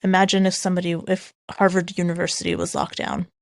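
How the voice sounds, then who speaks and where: A woman's voice: on the low side, level tone, fast, creaky, dry recording. Woman from iran talking in a chat room, earnest, lots of ums, dry phone sound. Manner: earnest, with frequent ums and restarts. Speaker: speaker in an audio chat room. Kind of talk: casual spoken remarks.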